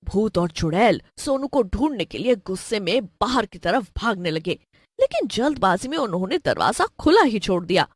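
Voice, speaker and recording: A woman narrating a cartoon story in an expressive, lively storybook style. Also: mid-range voice, normal speed, breathy edge, no room sound, studio quality.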